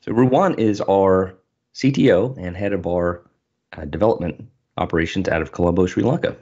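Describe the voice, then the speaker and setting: A man hosting a podcast, an easygoing storyteller with a husky voice. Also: low-pitched, moderate pace, a little mellow, dull audio. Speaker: podcast host. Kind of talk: casual podcast conversation.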